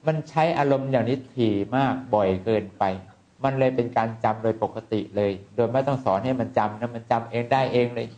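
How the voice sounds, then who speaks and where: Lively male Buddhist monk teaching. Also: mid-range voice, brisk, dull audio. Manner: lively, repetitive, mimics people he describes. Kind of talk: informal dharma teaching.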